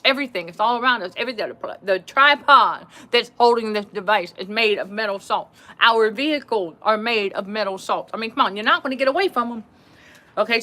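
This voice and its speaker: Forceful and bright, this woman's medium-pitched voice carries as she hosts a casual livestream. She talks animatedly to viewers, often laughing and repeating phrases.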